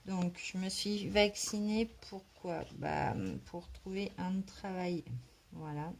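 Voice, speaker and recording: A woman's voice: medium pitch, fairly even intonation, takes it slowly, gravelly, a little hiss or hum. A woman chatting casually to her vlog while she colours, hesitant and rambling as she thinks aloud. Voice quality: slight smoker's cough. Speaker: craft vlogger colouring in a book.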